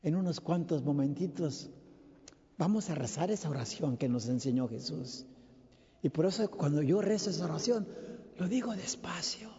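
Earnest Mexican priest in an echoing church. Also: male voice, fairly high pitch, lively intonation, moderate pace. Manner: earnest, prayerful, often hushed. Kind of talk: homily at Mass. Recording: long church reverb, dull sound.

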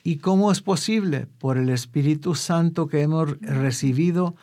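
A male preacher delivering a sermon with fervor, his voice sitting fairly high for a man. He leans on rhetorical questions and pleads with his listeners. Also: normal speed, a little mellow.

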